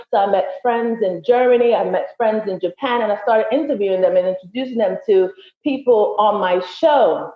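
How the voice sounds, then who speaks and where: A woman, an entertainer, talking as a podcast guest in an articulate, emphatic way. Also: medium pitch. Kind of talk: casual interview chat. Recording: echoey, dull lo-fi sound.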